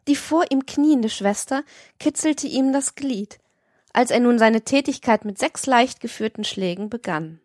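A woman's voice: on the high side, darkish tone, no room sound, clean studio sound. Woman narrator reading steadily. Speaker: audiobook narrator. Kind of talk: scripted narration.

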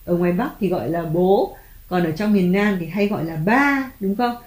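A mother patiently teaching her child letters and tone marks at home, slowly drawing out the spelling and praising often. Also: mid-range voice, darkish tone. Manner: patient, encouraging, drawn-out spelling. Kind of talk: home reading lesson for a child. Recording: echoey room, faint background music.

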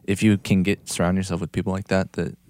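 Man, low pitch, smooth resonant voice, halting casual chat, dry close sound. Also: flat delivery, darkish tone, dry recording. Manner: hesitant, many fillers. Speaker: podcast co-host, church communications staff.

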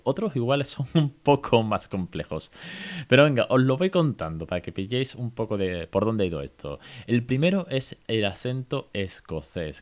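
A man's voice: on the low side, a little mellow. A man hosting a casual podcast lesson, chatty and informal, laughing often. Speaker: host teaching English.

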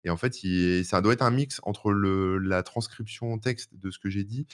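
Very deep-voiced rambling man. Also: moderate pace. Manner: rambling, filler-heavy. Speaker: podcast co-host. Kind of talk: casual tech chat.

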